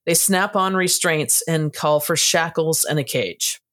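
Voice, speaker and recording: A woman co-hosting a casual book review podcast, giving a steady, matter-of-fact plot recap. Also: deep voice, a little slow. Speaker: podcast co-host.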